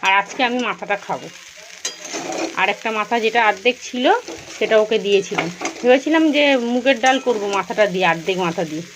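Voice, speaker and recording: A woman's voice: medium pitch, fairly quick, noisy background. A woman in her thirties with a Bengali accent, chatting casually to viewers while cooking at home. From India. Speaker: vlogger. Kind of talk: casual home vlog chat. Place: home kitchen.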